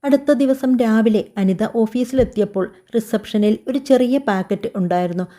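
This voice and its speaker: A woman reads a scripted family story aloud in a calm, unhurried voice. Her tone is very dark and mellow, even from line to line. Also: fairly high pitch. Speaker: narrator.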